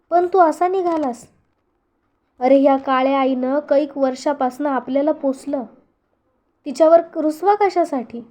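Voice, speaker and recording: A woman voicing a stern, grieving old village grandfather who scolds slowly and heavily. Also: high-pitched, warm tone, close to an everyday voice. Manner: slow, heavy scolding words.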